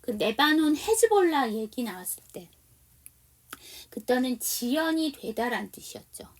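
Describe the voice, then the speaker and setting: A woman teaching English in a slow, patient lesson. She speaks with a Korean accent and a fairly high voice. She sits a little back from the microphone. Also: big pitch swings, far from the mic. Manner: reads English lines slowly, explains in Korean, asks the viewer questions. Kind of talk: slow explanatory language lesson.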